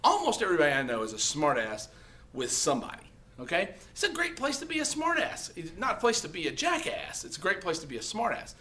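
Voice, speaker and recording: High-pitched and pushed bright, he races along with huge swings in pitch. He's chatting casually into the camera on social media, giving profane, no-nonsense advice and capping points with "okay?"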